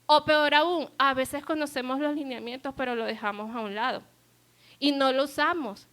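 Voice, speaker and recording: A woman's voice: high-pitched, moderate pace, fairly bright tone. A woman preaching a sermon at a church service, earnest and asking the congregation rhetorical questions.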